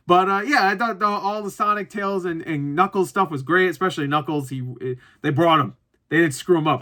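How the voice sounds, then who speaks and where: This movie reviewer has a bright, punchy, slightly high-pitched voice and chats casually to viewers. Unscripted, he rambles through his opinions, backtracks to correct himself, and swears freely.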